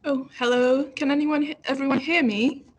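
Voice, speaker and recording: A woman's voice: high voice, fairly even intonation, normal speed, noisy background. A young woman pharmacist presenting a project over a group video call, hesitant with many fillers. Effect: heard over a group video call.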